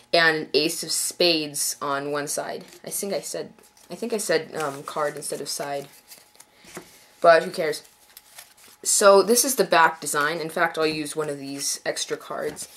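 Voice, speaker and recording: A young adult card deck reviewer at an indoor card table speaks in a mid-range, fairly bright voice that's congested from a mild head cold. The review is casual and unscripted, rambling along with frequent self-corrections.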